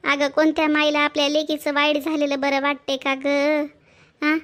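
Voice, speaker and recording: A woman's voice: high voice, little pitch movement, moderate pace, a bit bright. A woman with a Marathwada Marathi accent, talking bluntly and grumbling in a homemade village comedy drama. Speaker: storyteller playing family roles.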